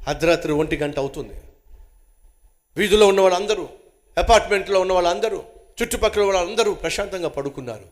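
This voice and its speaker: Animated high-pitched male preacher. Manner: emphatic, swings from loud exclamations to hushed, intimate asides; rhetorical questions answered by himself. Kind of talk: sermon.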